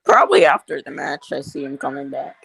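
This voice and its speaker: Panelist, wisecracking, gravelly fry in the voice, casual chat. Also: mid-range voice, big pitch swings, a little fast, a bit bright, dry recording, low-quality recording. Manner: joking, wisecracking. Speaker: wrestling watch-along panelist.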